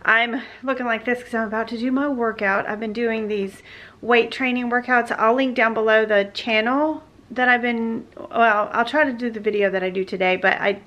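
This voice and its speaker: A woman vlogger rambles casually through a day-in-the-life vlog at home, chatty and full of fillers and restarts. Her voice is fairly high and fairly bright, with fairly even intonation and a moderate pace, and the highs are cut off.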